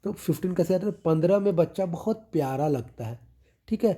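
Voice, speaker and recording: A man teaching as a medical exam tutor, explaining milestones with mnemonics and checking in after each point. He slows down and drops his voice to stress key terms. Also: high-pitched, lively intonation, warm tone.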